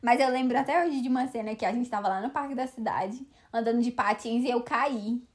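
A young woman co-hosting a casual podcast, telling lively stories and laughing often. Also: fairly high pitch, a little fast. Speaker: podcast co-host. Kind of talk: casual chat.

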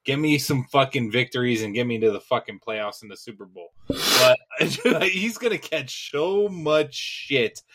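Brash, bright-voiced podcast guy. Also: mid-range voice, lively intonation, measured pace. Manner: brash, swears, jokes bluntly. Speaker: podcast co-host. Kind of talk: casual chat.

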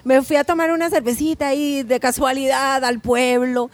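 A woman with a Costa Rican accent, hosting a podcast and telling animated, giggly stories in casual chat. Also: high voice, normal speed. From Costa Rica. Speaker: podcast host.

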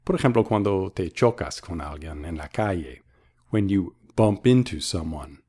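A man's voice: deep voice, animated, unhurried, a little mellow, slightly rough. A man hosting a bilingual English lesson, patiently modelling phrases and repeating them for practice. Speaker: English teacher and host.

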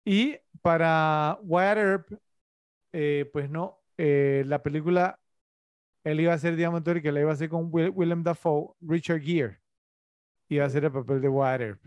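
A man's voice: on the high side, steady tone, moderate pace, dark tone, no room sound. A man co-hosting a casual film podcast, opinionated and quizzing his co-hosts. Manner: opinionated, questions the others. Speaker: podcast co-host.

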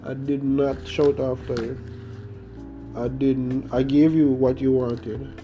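A young podcast host with a Jamaican accent, himself Jamaican, spins a casual, rambling story, faltering with fillers and false starts. His voice is mid-range with little pitch movement and a slow pace, and the recording, which has guitar music behind it, has its highs cut off.

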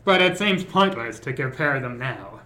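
A man's voice: mid-range voice, lively intonation, normal speed, sharp tone, pitched below the performer's own voice, low-quality recording. A man voicing a smug aristocratic male villain in an amateur anime fan dub, pompous and mocking. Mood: gloating.

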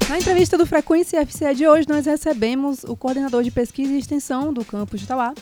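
A woman co-hosting a radio show, reading an introduction in a quick, announcer-like way. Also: sits high, a little mellow, soft background music.

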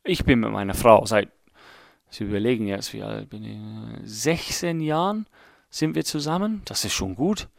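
A man from England in his late thirties, English by native tongue, hosts a laid-back solo podcast in German with an English accent, wandering off on tangents and making fun of himself while thinking aloud. His gravelly voice sits fairly low at a moderate pace, in a dry, clean studio recording.

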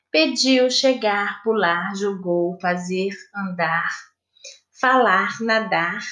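A woman teacher from Brazil with a Brazilian Portuguese accent, giving a recorded lesson to children in a slow, patient, sing-song questioning way. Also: mid-range voice, fairly bright tone. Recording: echoey room.

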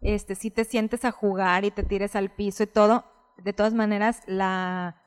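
Woman host, mid-pitched voice, chatty follow-up questions, long echoey reverb. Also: flat delivery, measured pace, clean tone. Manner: chatty, sums up and relates to own experience. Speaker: interviewer. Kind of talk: conversational interview. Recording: roomy hall reverb.

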